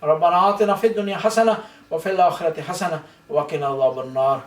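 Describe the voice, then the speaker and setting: A man's voice: a little high, lively intonation. A man giving a mourning majlis sermon and prayers, impassioned and rising to cries at the climaxes. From Pakistan. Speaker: majlis speaker. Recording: echoey hall, mic far off.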